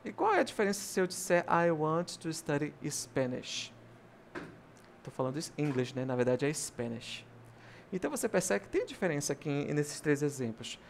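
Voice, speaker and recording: Guy teaching english over slides, gravelly voice, slows way down on the examples, bit of noise behind. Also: a little high, wildly swooping pitch. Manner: slows down and stresses each English example sentence. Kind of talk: video lesson explaining slides.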